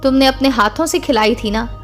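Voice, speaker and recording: A kindly old holy man gives soft, fatherly counsel in a storybook tale, as a woman reads him. The voice sits fairly high, with faint music playing underneath. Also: brisk, lightly acted. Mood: tender. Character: wise old bearded male holy man, gentle.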